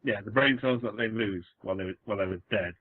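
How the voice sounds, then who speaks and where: A Welsh man in a casual podcast chat who keeps restarting his sentences as he rambles. His slightly husky voice comes through a dry, tinny, phone-like line. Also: lowish voice, fast talker, dry recording. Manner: rambling, restarts sentences while retelling a plot. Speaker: podcast co-host.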